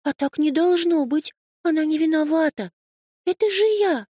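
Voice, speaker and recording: Storybook part: a woman playing a tiny panicky kitten, high and squeaky, dry sound. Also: moderate pace, mellow, no echo, lightly acted. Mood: anxious. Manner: earnest and panicky. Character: small, anxious, sleepy male kitten.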